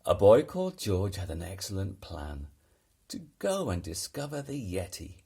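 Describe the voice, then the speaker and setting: Male storybook narrator: low, gravelly voice, unhurried and dramatic delivery. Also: huge pitch swings, dark tone. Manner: dramatic, deliberate. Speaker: storybook reader. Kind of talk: expressive read-aloud children's narration.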